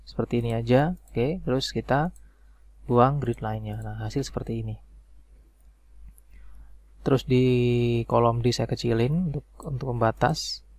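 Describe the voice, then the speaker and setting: A man calmly walking through a spreadsheet tutorial step by step, with frequent "nah" and "oke" fillers. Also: medium pitch, normal speed, pauses often, no room sound. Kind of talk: screen-recorded software tutorial.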